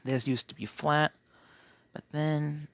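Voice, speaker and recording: A man's voice: fairly high pitch, fairly even intonation, takes it slowly, no room sound. A man giving casual, rambling gameplay commentary, with a phlegmy throat and a habit of tacking on "okay?". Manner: rambling, keeps clearing his throat, tacks on "okay?". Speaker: Minecraft player.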